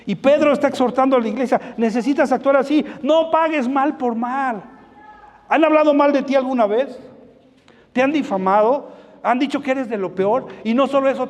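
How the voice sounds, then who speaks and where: A man preaching a sermon as pastor, telling stories and acting out both sides of the dialogues. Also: very high-pitched. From Mexico. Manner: animated storytelling, acting out dialogues. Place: church hall. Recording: church hall with long reverb.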